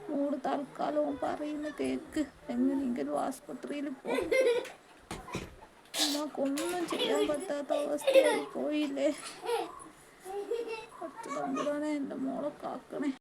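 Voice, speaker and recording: A woman putting on a helpless bedridden old mother who speaks softly and calls on God. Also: sits high, a little slow, vocal fry, pauses often, heavy background noise. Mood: sorrowful, helpless. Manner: soft, sorrowful, calls on God.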